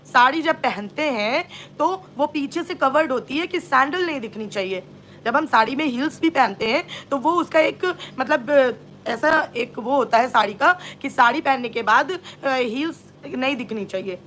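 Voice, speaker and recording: A woman's voice: high-pitched, fairly bright tone, slight background noise. A woman with a sore throat, scolding and mocking someone in a live reaction rant full of rhetorical questions. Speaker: reaction vlogger.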